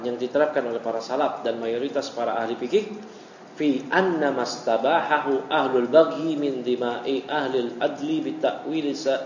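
A man's voice: medium pitch, a little mellow. Man teaching in an echoey hall. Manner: reads Arabic text then explains in casual speech, acts out quoted dialogue. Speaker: ustadz teaching a classical text. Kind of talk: religious study lecture. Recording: echoey hall, dull lo-fi audio, faint hiss.

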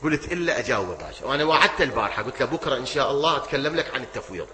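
A man with an Iraqi Arabic accent giving a religious lecture. He keeps asking rhetorical questions, answers them himself and builds up to emphatic shouts. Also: mid-range voice, expressive, rapid-fire, poor audio. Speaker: preacher.

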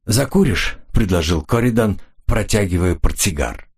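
Guy reading a crime audiobook, low husky voice, lively up and down. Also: normal speed. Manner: steady expressive storytelling. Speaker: audiobook narrator. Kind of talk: scripted narration.

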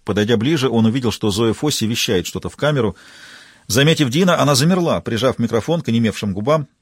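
A man reading a novel aloud in steady, even scripted narration. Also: medium pitch, fast, slightly rough, no echo, clean studio sound. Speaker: audiobook narrator.

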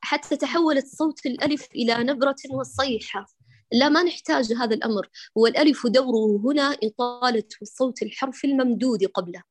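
A woman teaching Quran recitation in an online class, correcting a student and demonstrating sounds slowly. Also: sits high.

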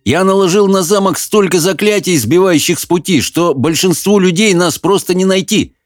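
A man voicing a vain, sulky young wizard with a head cold, speaking hoarsely and irritably. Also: high voice, moderate pace, dry recording, clean studio sound, pitched above the performer's own voice, lightly acted. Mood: irritated. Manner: irritable, whiny.

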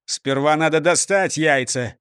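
A man's voice: on the high side, unhurried, a bit bright, clean tone, no echo, clean studio sound. A man reading a storybook and voicing a scornful, bossy male gang chief who barks and mocks. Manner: barking and mocking.

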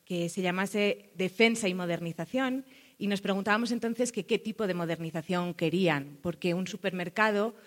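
A woman from Spain with a Spanish accent and a lowish voice presents a project to an audience on a panel, speaking as a cultural manager and public official. She is thoughtful, pauses on fillers and often ends her points with a questioning "no?".

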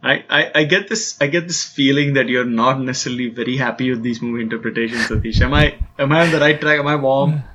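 A man's voice: medium pitch, fast talker, hardly any pauses, bright, forceful tone, lo-fi sound. A man co-hosting a podcast, chatting casually in a hesitant, teasing way. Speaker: podcast co-host. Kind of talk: casual chat.

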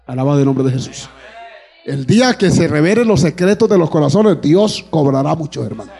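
A man's voice: a little high, mellow, husky. A man preaching a sermon as pastor, calling out praise and asking the congregation questions. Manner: preaching to a congregation with frequent "amén" and "alabado el nombre de Jesús". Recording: long hall reverb.

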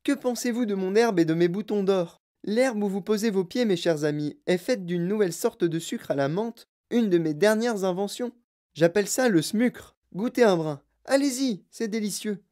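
A woman voicing an excitable, eccentric man who proudly shows off his chocolate factory in an audiobook reading. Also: mid-range voice, normal speed, voice pushed up, close to an everyday voice. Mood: enthusiastic. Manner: exclamatory and boastful, showing off.

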